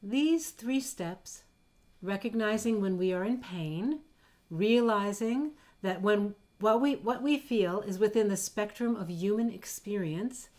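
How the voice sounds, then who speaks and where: A woman leading a gentle guided meditation in a worship service, speaking softly and slowly. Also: medium pitch. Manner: slow, gentle and soft-spoken. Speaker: worship leader.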